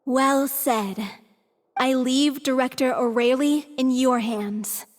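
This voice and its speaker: A courteous member of a theatre troupe for a video game. The voice is high, formal and measured, with long reverb and slight noise. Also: female voice, fairly even intonation. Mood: approving.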